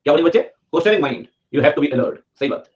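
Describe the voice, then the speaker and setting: A male teacher giving a classroom lecture, joking and urging students to answer quickly, mixing English terms into his talk. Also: a little high, lively intonation. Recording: muffled lo-fi sound.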